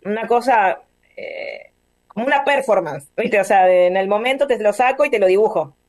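A woman's voice: medium pitch, expressive, moderate pace, dry recording. A woman with a Rioplatense accent, guest artist on a casual video call, talking in a rambling way and searching for words. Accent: Rioplatense Spanish.

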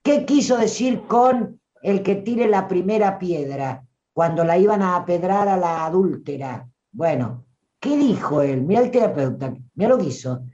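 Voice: mid-range voice, animated, moderate pace, dark tone. A spiritual teacher with a Rioplatense accent gives an emphatic, preachy talk full of rhetorical questions. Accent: Rioplatense Spanish. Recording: dull lo-fi recording.

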